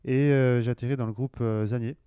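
A marketing director in his forties from western France talks through his career in a conversational interview, hesitating with many fillers and restarts. His medium-pitched voice is steady, brisk, dark and clean, recorded dry in studio quality.

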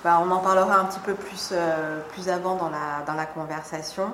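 A woman hosting a podcast, asking relaxed, friendly interview questions. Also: lowish voice, a little fast. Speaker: podcast host. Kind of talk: casual interview. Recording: roomy sound with faint noise.

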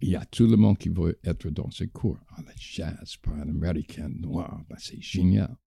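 Very deep, gravelly, husky man. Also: moderate pace, mellow, no echo, studio quality. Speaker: teacher.

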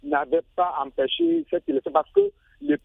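A man from Benin, calling in to a radio show over the phone and speaking in halting bursts with many restarts. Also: extremely high pitch, big pitch swings, creaky, no echo. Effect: phone call into a radio show. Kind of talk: listener calling in to give his opinion. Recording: tinny dry phone line.

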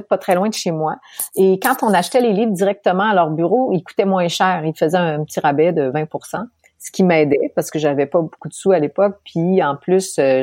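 Lively Québécois woman, lower voice. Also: dry recording, clean studio sound. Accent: Québécois French. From Quebec, Canada. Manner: animated, laughs often while telling stories. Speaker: guest. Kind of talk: casual interview storytelling.

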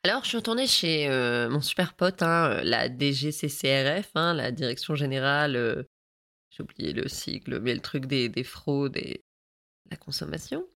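A woman's voice: rumbling low, normal speed, vocal fry, a bit bright, no room sound. A woman hosting a podcast, sarcastic and a little tired, commenting casually and reading aloud while translating. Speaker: podcast host.

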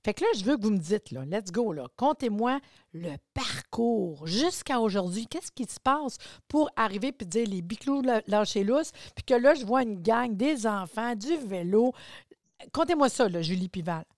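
A woman's voice: on the high side, animated, moderate pace, darkish tone, dry recording, clean studio sound. A woman with a Quebec French accent hosting a podcast interview, chatty and colloquial. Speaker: podcast host. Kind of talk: casual interview chat.

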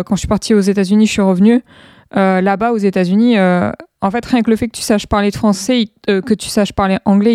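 A woman hosts an interview in a relaxed, conversational way and shares personal anecdotes. Her voice is warm and mellow, with a medium pitch. The sound is dry and close, with no room echo. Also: clear, resonant tone. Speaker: interviewer, account host. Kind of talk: casual interview chat.

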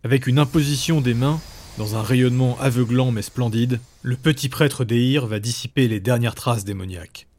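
A man narrating a fantasy story in a measured, dramatic way. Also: mid-range voice, a little mellow. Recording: background music.

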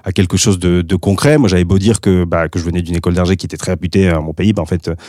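A Spanish man in his thirties, a guest with a light Spanish accent, speaks French as a second language while casually talking through his career, restarting often and using many fillers. His deep, warm voice is steady and fast, recorded cleanly in a studio with no room sound.

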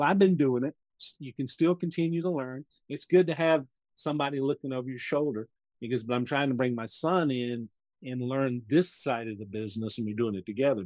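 An American man in his sixties, a real estate investor appearing as a podcast guest, chats casually in an interview and tells rambling stories, acting out what other people said. His medium-pitched voice is a little mellow, with no room sound.

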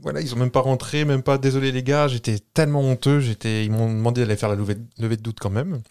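A man co-hosts a podcast in a studio and speaks in an everyday middle-pitched voice. He fires back quick jokes and slips in sheepish, self-mocking asides. The conversation stays relaxed and casual throughout. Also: clear, resonant tone. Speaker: podcast co-host. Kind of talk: casual chat. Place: studio with a producer present.

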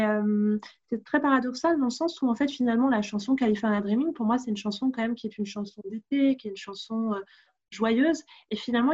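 A woman's voice: on the high side, a little mellow, muffled recording. A woman with a French accent hosting a podcast and chatting casually about books. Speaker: podcast host. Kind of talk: casual book discussion.

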